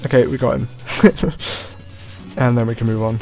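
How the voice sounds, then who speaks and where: Laid-back guy talking over his game, mid pitch, chuckles a lot, faint game music under him. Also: normal speed. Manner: relaxed, chuckling, trailing "I guess". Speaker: let's play host. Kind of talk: gameplay commentary.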